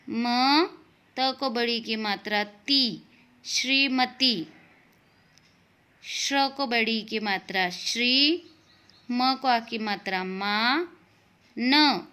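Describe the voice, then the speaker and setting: Patient woman teacher for young children, slow and clear, bright and a bit high. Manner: slow, patient, spells out syllables and glosses words in English. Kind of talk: first-grade Hindi lesson.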